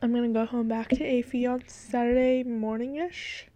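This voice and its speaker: A young adult woman from Washington state hosts a podcast from her dark bedroom at night, rambling casually about her life with plenty of "like" and "literally" and some giggles. Her voice is a little high, steady and mellow at a normal speed, and she sounds a little congested from allergies.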